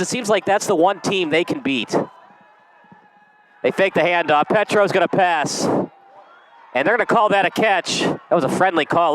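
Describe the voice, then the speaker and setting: Brisk male play-by-play announcer outdoors. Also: high-pitched, fairly bright tone, a little hiss or hum, poor audio. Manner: brisk, chatty play calling. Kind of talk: live sports commentary.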